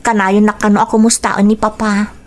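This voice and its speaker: Voicing a young mother uneasy about her strict father, a young woman speaks in a radio drama with a medium-pitched, level tone. She talks fairly quickly, lightly acted, and hesitant in her unease.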